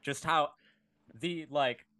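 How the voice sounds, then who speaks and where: A man co-hosting a comedy podcast, chatting casually with loose, laughing banter and drawn-out fillers. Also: on the high side, steady tone, bright, forceful tone, no echo. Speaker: podcast co-host.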